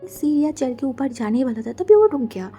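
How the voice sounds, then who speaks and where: A woman's voice: high-pitched, very animated, a little fast, mellow. A woman narrating a fan fiction story in a chatty, casual way, mixing in English words. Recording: faint background music.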